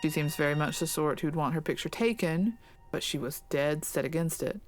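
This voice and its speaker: A streamer reading aloud the lines of a courteous, guarded manor guest in a mystery video game, in a measured way. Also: mid-range voice, soft background music, close to an everyday voice.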